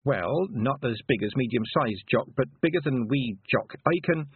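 A quick-witted young farm girl, raised higher and often flustered, as a man puts her on for a storybook. Her pitch jumps around a lot, and the sound is tinny and phone-like. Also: expressive, slightly rough, no echo.

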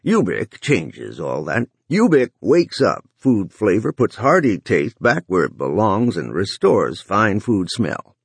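A gravelly, booming older boss pitching a product like a TV ad, as a man puts him on. He talks slowly, with a lively, swooping pitch in a dry room. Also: dry recording, heavily acted. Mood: salesy.

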